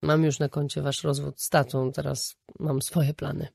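A woman voicing a calm, gentle grown son who speaks slowly in an audiobook. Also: deep voice, gravelly, slightly rough, dry recording, studio quality, full character voice.

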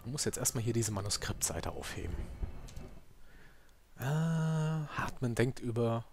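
Joking lively-voiced gamer man. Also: mid-range voice, measured pace, background noise. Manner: joking, sarcastic asides. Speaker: let's player. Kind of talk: casual gameplay commentary.

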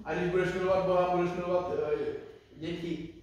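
A man's voice: high voice, little pitch movement, darkish tone, muffled recording, slight background noise. A middle-aged man preaching an informal sermon in a conversational way, repeating phrases and talking straight to his listeners. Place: church hall. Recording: echoey room, distant mic.

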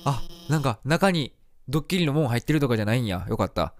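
A man's voice: medium pitch, lively intonation, no room sound, clean studio sound. A man with a Kansai accent giving casual, joking commentary while playing a game. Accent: Kansai Japanese. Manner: joking, quick reactions. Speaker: let's play host.

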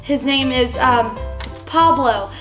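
A woman hosting a playful children's church video segment, chatty and goofy, with lots of ums and pauses. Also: high voice, over music. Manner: goofy, chatty, hesitant with fillers. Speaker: children's ministry video host. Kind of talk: playful kids' show segment. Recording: echoey room.

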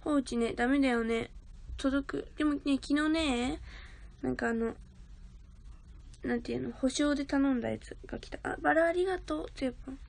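Creaky-voiced young woman livestreaming. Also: sits high, moderate pace. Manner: chatty, thanks viewers for gifts, talks of herself as a big sister. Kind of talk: casual livestream chat with viewers. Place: at her grandmother's house. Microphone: phone.

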